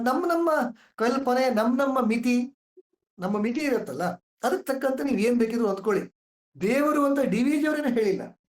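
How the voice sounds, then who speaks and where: A woman's voice: on the high side, a little mellow, roomy sound. A woman explains classical verse in a conversational way, asking listeners rhetorical questions. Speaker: poetry explainer.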